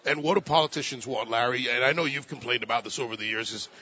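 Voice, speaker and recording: A man's voice: medium pitch, fast talker, bright, forceful tone. A man on a political talk panel, telling stories and asking pointed rhetorical questions. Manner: storytelling, emphatic rhetorical questions. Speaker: political commentator. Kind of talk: panel discussion. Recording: dull lo-fi sound.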